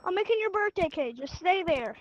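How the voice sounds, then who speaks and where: A woman's voice: extremely high pitch, animated, brisk, lo-fi sound. A woman gaming and teasing her friend in playful role-play as a mischievous grandchild. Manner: teasing, mischievous, often laughing. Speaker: gamer playing the grandchild.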